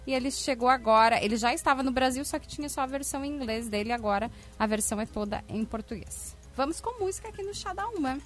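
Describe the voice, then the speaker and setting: High, lively woman radio host. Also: fast talker, few pauses, soft background music. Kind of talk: casual radio chat.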